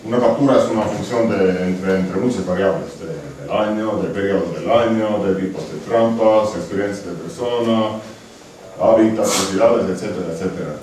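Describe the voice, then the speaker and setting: A conservation researcher from Estonia gives a conference presentation in a lecture hall, speaking with an Estonian accent in a low, slightly mellow voice at normal speed. He is hesitant but friendly, restarting often. The recording is captured from far off in a very echoey hall, with faint noise.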